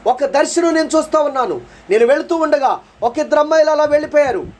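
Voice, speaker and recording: A man's voice: very high voice, lively intonation, fast, a little mellow. A man preaching a testimony sermon, telling his story dramatically with repeated phrases and earnest, pleading prayers. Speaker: preacher giving a personal testimony.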